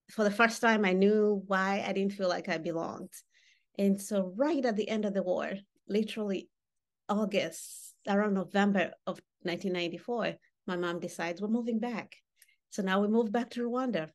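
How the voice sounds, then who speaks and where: Baskets line the wall of the home room where this Ugandan-raised woman in her thirties runs a workshop by video call, captured on her webcam. Her pitch is medium. She talks directly to participants in an animated way, gesturing as she goes.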